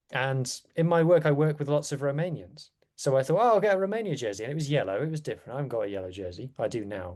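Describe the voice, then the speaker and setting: Man, mid-pitched voice, casual podcast chat, wry asides, sports pundit guest. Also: a little mellow.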